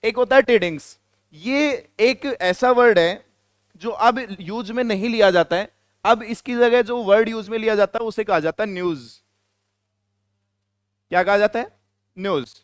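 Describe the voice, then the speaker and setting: A man teaches a classroom lesson in a high, crisp voice. He keeps quizzing his students and repeating the answers. The sound is close and dry, with no room echo. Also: moderate pace. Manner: questions the students and answers himself, repeating key words. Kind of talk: classroom lecture.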